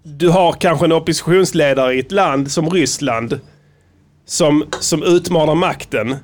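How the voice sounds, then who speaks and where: A man's voice: a little high, a little hiss or hum. A man hosting a casual podcast, talking in a rambling, profane way with frequent restarts. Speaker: podcast host.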